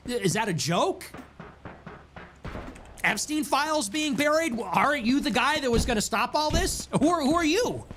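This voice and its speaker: A young adult man hosting his own show, delivering an impassioned rant packed with rapid rhetorical questions and repetition. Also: very high voice, expressive, a bit bright. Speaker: show host. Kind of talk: impassioned ranting monologue. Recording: noisy background.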